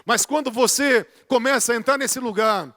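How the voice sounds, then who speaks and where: A man's voice: very high voice, moderate pace, sharp tone. A male pastor, preaching an earnest, emphatic sermon. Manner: earnest, emphatic preaching with rising and falling delivery. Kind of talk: sermon teaching. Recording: reverberant hall.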